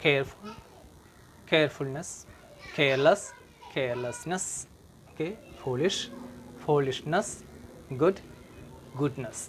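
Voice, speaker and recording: A teacher giving an English grammar lesson, repeating English example sentences slowly and dotting the talk with okay and hmm. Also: mid-range voice, slight background noise.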